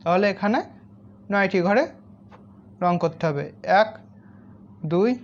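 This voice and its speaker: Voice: mid-range voice, takes it slowly, slight background noise. Patient teacher counting aloud, slightly dull sound. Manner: counts aloud item by item, addresses children directly. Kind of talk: step-by-step lesson for young children.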